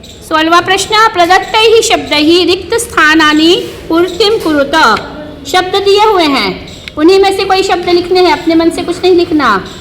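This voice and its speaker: A woman teacher with a very high, bright voice walks a class through exam revision. She talks slowly and patiently, stopping to put questions to the students. Her voice rings with a long reverb around the classroom. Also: slight background noise.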